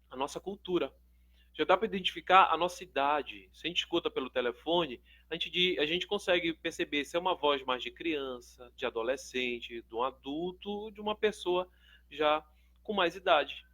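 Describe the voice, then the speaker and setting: A man with a Brazilian Portuguese accent gives an instructional video lecture as a public speaking coach. He talks in an animated way, swinging his pitch and loudness to demonstrate, and keeps checking in with the viewer. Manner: asks the viewer "tudo bem?" often.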